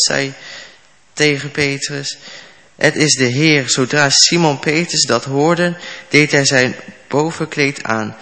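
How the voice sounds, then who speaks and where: A man reads a Bible passage aloud, slow and measured, with a few slips. His voice has a bright, clear tone at a middle pitch. A long reverb rings after his words, as in a large hall. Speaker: scripture reader. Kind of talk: Bible reading.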